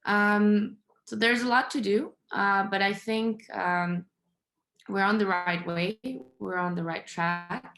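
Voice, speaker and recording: Gravelly flat-voiced woman panelist. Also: medium pitch, slow. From Denmark. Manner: hesitant, with many fillers. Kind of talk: panel discussion remarks.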